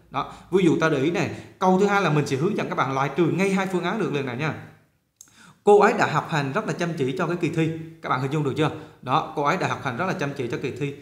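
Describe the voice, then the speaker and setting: A male teacher walking through an exam and drilling pronunciation by repeating words slowly. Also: on the high side, reverberant. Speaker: English teacher. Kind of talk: exam walkthrough lesson.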